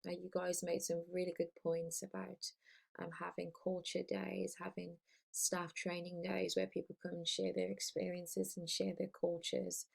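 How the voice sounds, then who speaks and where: A woman gives a recorded lesson in a fairly low voice with a gravelly creak. Her intonation stays flat and even. She explains step by step and encourages her students. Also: normal speed, poor audio. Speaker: teacher.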